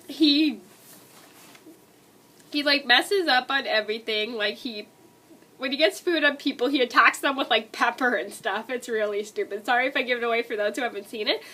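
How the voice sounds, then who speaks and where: A woman vlogger with a high, pushed, bright voice sounds congested, with a stuffy nose and scratchy throat. She chats casually and rambles through a movie list, full of likes and restarts.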